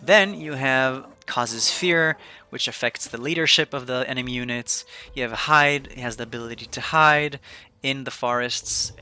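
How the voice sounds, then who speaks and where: A man's voice: mid-range voice, normal speed, bright, forceful tone, clear, resonant tone. A man narrating a beginner's video game tutorial in a casual, rambling, upbeat way, with many fillers and restarts. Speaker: gaming video creator.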